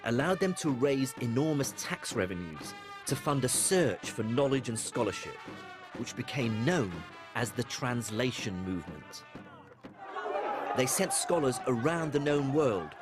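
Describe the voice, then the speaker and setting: A middle-aged man from Iraq, presenting a documentary in a measured, storytelling narration. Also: mid-range voice, lively intonation. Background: music.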